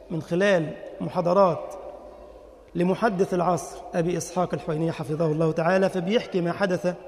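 A man's voice: high voice, in a large hall, slight background noise. A man with an Egyptian accent giving a religious lesson, telling stories animatedly and mixing formal Arabic with everyday dialect. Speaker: preacher.

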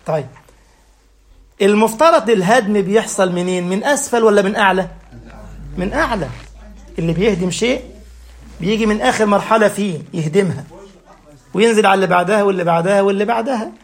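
A man preaches in an Egyptian Arabic accent, his voice sitting high for a man. He keeps throwing questions at the listeners and answering them himself. He walks through each point with homely, everyday examples. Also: fast talker, long pauses. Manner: explains step by step with everyday examples. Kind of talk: religious lecture.

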